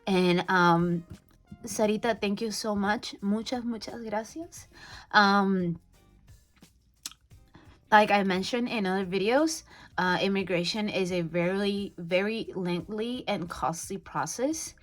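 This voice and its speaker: A woman's voice: mid-range voice, takes it slowly, soft background music. Bubbly young woman vlogger. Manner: bubbly, gushing, many fillers and restarts. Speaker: budgeting vlogger. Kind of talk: casual unboxing chat.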